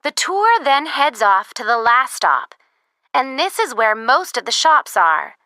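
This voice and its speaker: A recorded phone information message, read in a clear, measured, scripted way. Her voice sits fairly high, with a lively, bright rise and fall. The sound is dry and close, with no room around it. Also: no echo, heavily acted. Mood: informative. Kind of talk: scripted listening-test recording.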